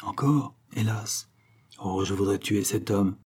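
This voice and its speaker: An anxious, lovesick nobleman who answers in a low, unsteady voice, voiced by a male narrator. The tone is dark and a little husky, hushed and hesitant. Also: slow pace, exaggerated voice. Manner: hesitant, shaken.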